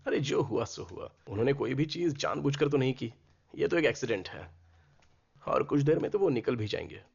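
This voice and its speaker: A gravelly, soothing husband. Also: male voice, mid-range voice, lively intonation, brisk, a little mellow. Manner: soothing, easygoing. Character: calm, forgiving husband Chandra. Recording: dull film dub.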